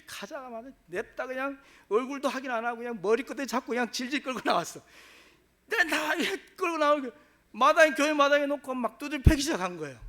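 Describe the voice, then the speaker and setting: A male pastor delivering a sermon in a church, telling a story in a dramatic, animated way. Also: extremely high pitch. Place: church sanctuary.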